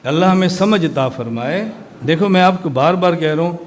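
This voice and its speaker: Rhetorical man lecturing in an echoey hall. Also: on the high side. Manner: rhetorical, keeps asking the audience to answer. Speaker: religious scholar lecturing students. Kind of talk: sermon-style lecture. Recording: echoey room with faint noise.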